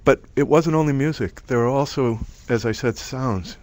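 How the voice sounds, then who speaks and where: A man's voice: mid-range voice, moderate pace, a little mellow. A middle-aged man presenting an online lecture, talking conversationally and thinking aloud with restarts. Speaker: presenter from a music archive.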